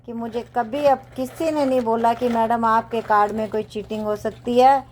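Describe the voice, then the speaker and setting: A woman's voice: fairly high pitch, fairly even intonation, normal speed, darkish tone, slight background noise. A woman giving a casual tarot reading for her viewers from her bedroom. She talks earnestly and preachily, repeats phrases, and mixes in English affirmations. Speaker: tarot reader. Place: home bedroom, cards spread on a bed.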